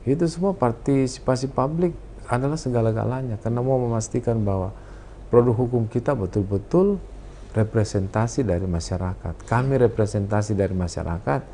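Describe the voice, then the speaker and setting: A man with a South Sulawesi Indonesian accent speaks in a mellow, warm tone on a political talk show. He lectures earnestly, setting out his points in ordered lists. Faint noise hums behind him. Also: mid-range voice, fairly quick. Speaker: political party campaign official, guest.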